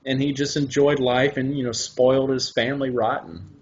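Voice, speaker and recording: A man's voice: medium pitch, moderate pace, slight background noise. A man from Alabama, an actor, telling stories animatedly in a casual interview and slipping into voices. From Alabama, USA. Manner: animated storyteller, often slips into voices and laughs. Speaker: actor and podcast guest. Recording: slightly muffled podcast audio.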